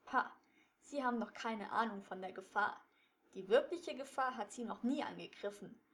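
A woman's voice: fairly high pitch, normal speed, close to an everyday voice. A woman voicing a defiant old woman who scolds dismissively. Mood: scornful.

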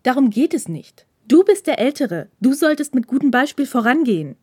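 A woman's voice: high-pitched, very animated, a little fast, darkish tone, husky, no echo, studio quality, pitched above the performer's own voice, heavily acted. A woman voicing a cold older male student who speaks in clipped, commanding sentences. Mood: stern.

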